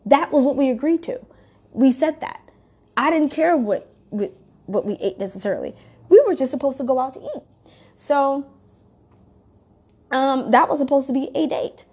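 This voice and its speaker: A woman's voice: high-pitched, moderate pace, pauses often. A woman telling a story in a casual, rambling way, swearing freely. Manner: profane, rambling, animated storytelling.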